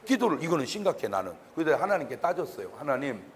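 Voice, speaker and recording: A man, a pastor, giving a humorous public lecture in an animated, joking way, sometimes bursting into shouts. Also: a little high, moderate pace.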